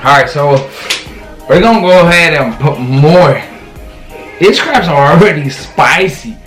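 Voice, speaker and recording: Cocky, animated man in an echoey room. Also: a little high, unhurried, soft background music. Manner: cocky, goading. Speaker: host of an eating challenge video. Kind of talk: casual vlog banter.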